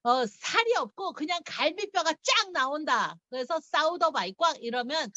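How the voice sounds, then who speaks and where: Middle-aged female teacher, bright and animated, chatty lesson delivery, dry close recording. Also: high voice, normal speed, dry recording, dull audio. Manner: chatty, laughs often, explains step by step. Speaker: language teacher. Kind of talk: casual online language lesson.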